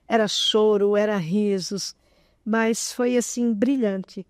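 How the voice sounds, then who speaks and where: A woman in her sixties, a guest in an interview, telling a personal story in an animated way, often close to tears. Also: medium pitch, takes it slowly, clean tone, no echo. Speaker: interview guest, association president.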